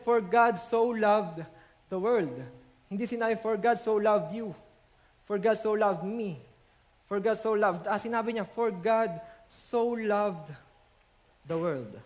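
A man with a Filipino accent preaching a sermon to a congregation, slowing down to stress verses and switching between Tagalog and English. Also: high-pitched.

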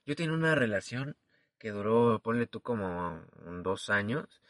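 A man's voice: on the low side, lively intonation, moderate pace, fairly bright tone, dry recording, clean studio sound. A young man from Mexico City with a Mexico City accent, co-hosting a podcast in casual chat and acting out quoted dialogue with slang. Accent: Mexico City Spanish. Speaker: podcast co-host.

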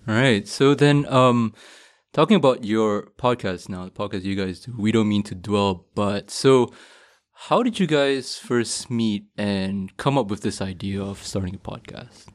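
A man's voice: lowish voice, measured pace, hardly any pauses. A man interviewing podcast guests casually, with brief affirming interjections.

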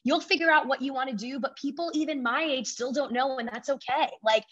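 Animated woman in her thirties telling stories as a podcast guest, filler-heavy, slightly lo-fi sound. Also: high-pitched, fairly quick. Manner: animated storytelling, heavy use of "like". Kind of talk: casual podcast chat.

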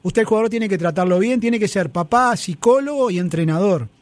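A man's voice: high voice, a little fast, no room sound. Emphatic Argentine man on sports radio. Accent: Argentine Spanish. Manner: emphatic, repeats his points, lecturing. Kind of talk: heated studio debate. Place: radio studio.

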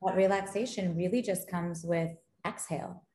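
A woman with a lowish voice and a moderate pace chats as a podcast guest, animatedly telling stories about dating and gaming, getting excited and laughing as she goes. It's a casual interview recorded in an echoey room.

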